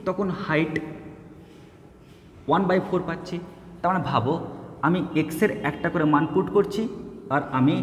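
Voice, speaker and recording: Male math tutor, high and lively voice, lecture style, echoey room with long reverb. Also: a little hiss or hum. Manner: asks frequent check-in questions, repeats words for emphasis. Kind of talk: classroom lecture.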